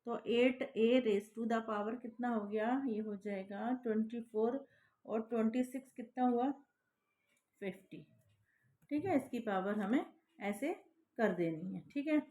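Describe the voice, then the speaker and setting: Female maths teacher, patient, a little high-pitched, steady step-by-step explanation. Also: measured pace. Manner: patient, checks in with repeated "thik hai" and "hai na".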